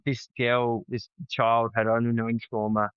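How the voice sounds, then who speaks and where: A man's voice: mid-range voice, monotone, unhurried, smooth, no room sound. A man, a podcast guest telling stories in an earnest, conversational way and often repeating words as he restarts. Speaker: podcast guest, founder of a family program. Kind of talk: conversational storytelling. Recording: slightly dull, dry podcast audio.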